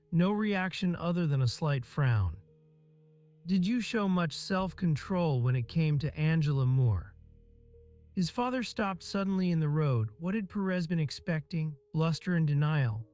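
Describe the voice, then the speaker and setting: A man reading an audiobook in steady, measured scripted narration. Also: fairly high pitch.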